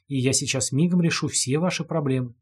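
Man doing a cold, husky young killer. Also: a little high, fairly quick, darkish tone. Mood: cold menace. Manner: cold, detached, mocking. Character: calm vengeful young male killer. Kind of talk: audiobook character voice.

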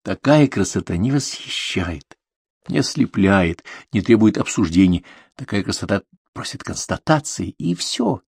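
A man's voice: on the low side, animated, measured pace, gravelly, husky, dry recording, studio quality. A man narrating a confessional story in an intimate way, speaking to his son. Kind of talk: audiobook reading of a confessional novel.

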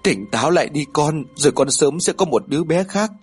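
A man's voice: a little high, animated, fairly quick, slightly rough, faint music behind. A man voicing a worried middle-aged mother who urges and soothes her daughter. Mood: coaxing.

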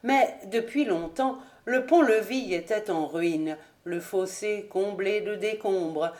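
A woman reading a classic novel aloud as an audiobook narrator. Her delivery is measured and very slow, with a mid-range voice. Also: medium pitch, darkish tone. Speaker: audiobook reader.

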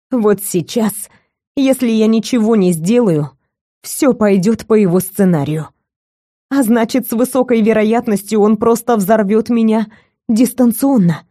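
A woman narrating a first-person novel as an audiobook, telling it in an expressive, intimate way. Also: mid-range voice, dry recording, studio quality.

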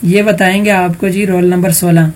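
A man with a high, level voice teaches an online Arabic vocabulary lesson. He patiently calls on students by roll number and explains the answers.

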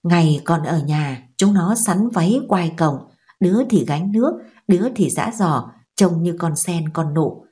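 A woman narrating a novel as an audiobook in a steady, measured storytelling manner. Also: lowish voice. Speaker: audiobook reader.

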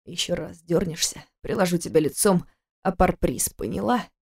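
A woman reading the part of a scornful, controlling husband in an audiobook, speaking quietly, mockingly and with menace. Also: on the low side, brisk, lightly acted. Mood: menacing. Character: cold, scornful adult man, a controlling husband.

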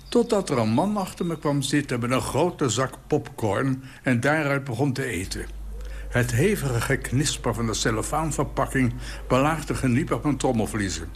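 Man in his 80s reading his column out loud, dry and wry, a bit of noise behind. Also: mid-range voice.

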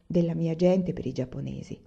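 A cautious young husband who speaks in a low, quiet, measured way, with a husky, gravelly grain, as a woman reading a story puts him on. The recording is dull and lo-fi. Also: full character voice.

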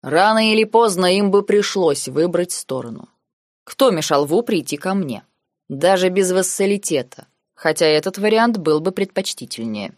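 A woman's voice: on the low side, lively intonation, no room sound, studio quality, natural voice. A cold scheming uncle, read by a woman. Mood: cold, lecturing. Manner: measured, lazy, coldly sarcastic. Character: cold calculating noble uncle, middle-aged man.

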